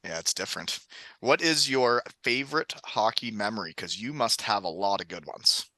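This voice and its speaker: A man's voice: lowish voice, expressive, normal speed, sharp tone. A middle-aged man with a Canadian accent chatting casually and telling stories in laid-back, slangy hockey bro talk. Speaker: podcast host; hockey coach. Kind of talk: casual chat, storytelling.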